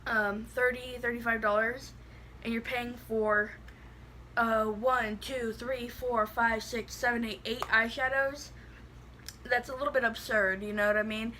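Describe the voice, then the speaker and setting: A woman's voice: fairly high pitch, steady tone, unhurried, sharp tone, slight background noise. A woman with a lisp that makes her s sound slushy, chatting casually and bluntly through a product review, rambling with lots of "like". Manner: blunt, rambling, heavy use of "like".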